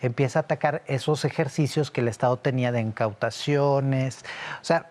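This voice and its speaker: A middle-aged man speaks as a guest in a conversational interview, explaining things patiently at length. He often pauses on fillers and restarts his sentences. His voice sits at an ordinary pitch. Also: darkish tone. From Italy. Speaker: interview guest, security analyst.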